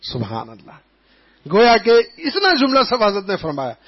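A man giving an Islamic sermon, telling anecdotes in an animated way and acting out the people he quotes. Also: very high-pitched. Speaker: preacher. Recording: dull lo-fi recording.

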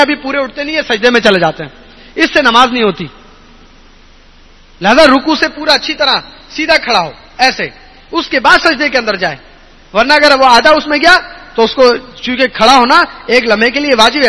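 A man's voice: very high-pitched, sharp tone. A man preaching a sermon, telling stories and often asking his listeners to agree with him. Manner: storytelling, asks the listeners for agreement. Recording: long hall reverb.

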